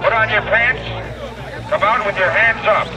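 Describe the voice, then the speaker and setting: A man's voice: high voice, fairly even intonation, measured pace, recorded from a distance, a loud crowd, rough recording. A man, apparently a police officer, barking short commands through a megaphone outdoors.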